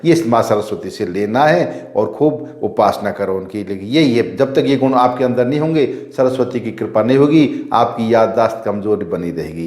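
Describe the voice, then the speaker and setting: Priest who quizzes then answers himself. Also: male voice, on the low side, a little mellow, reverberant. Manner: asks rhetorical questions and answers them himself; repeats key phrases for emphasis. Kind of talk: devotional teaching talk.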